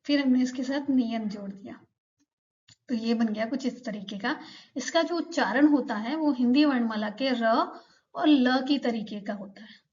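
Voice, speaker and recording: एक महिला शिक्षिका धैर्य से पाठ समझाती है और हर उच्चारण को धीरे-धीरे दोहराती है।. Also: female voice, fairly high pitch, a little mellow, lo-fi sound. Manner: patient, repeats each sound slowly for learners. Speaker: Korean language teacher. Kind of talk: slow explanatory lesson.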